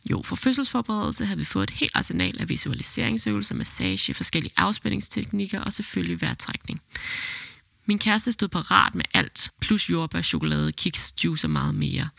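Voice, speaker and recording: A woman who is a midwife and podcast host, reading a birth story aloud in an even, steady way and then talking it over. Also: on the low side, creaky, dry recording.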